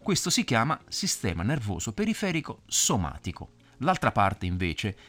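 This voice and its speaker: A man reading a children's story aloud, explaining things gently as if talking to a child. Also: lowish voice, wildly swooping pitch, moderate pace, soft background music.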